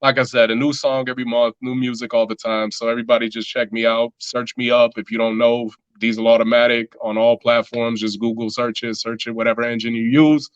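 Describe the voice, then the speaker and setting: A man's voice: mid-range voice, little pitch movement, fairly quick, hardly any pauses, clear, resonant tone, no room sound, muffled recording. A man talking as a musician guest in a casual interview, loose and rambling with lots of filler words.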